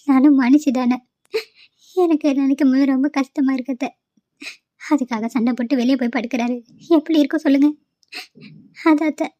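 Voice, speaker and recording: A woman's voice: high voice, mellow, no room sound, close to an everyday voice. A woman voicing a tearful, pleading young pregnant daughter-in-law in a cartoon, on a dull lo-fi recording.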